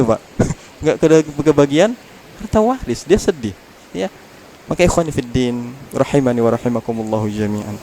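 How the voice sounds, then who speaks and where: A man's voice: mid-range voice, mellow, a little hiss or hum. Indonesian preacher man, chatty and joking. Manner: chatty, jokes with the audience, recites Arabic. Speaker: Islamic preacher. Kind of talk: mosque study lecture.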